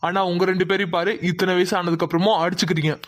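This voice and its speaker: A man's voice: sits high, flat delivery, rapid-fire, dry recording, lightly acted. A man voicing several middle-aged brothers in a cartoon, pleading and emotional as they ask their sister for forgiveness. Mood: bickering. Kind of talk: cartoon voice acting.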